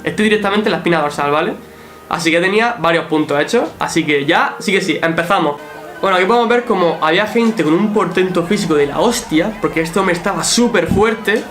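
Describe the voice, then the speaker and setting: A young man with a high voice tells his story in a loose, animated vlog style. He swears freely and acts out what people said to him. Faint music plays underneath. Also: a little fast. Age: young adult. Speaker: athlete recounting his show run. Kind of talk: casual storytelling vlog commentary.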